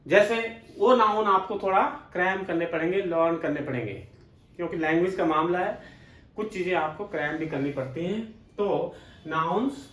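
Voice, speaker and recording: Man, Indian English accent, grammar teacher, high voice, lecture in a roomy echoey space. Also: a bit bright. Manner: explains step by step, asks and answers his own questions. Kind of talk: classroom lecture.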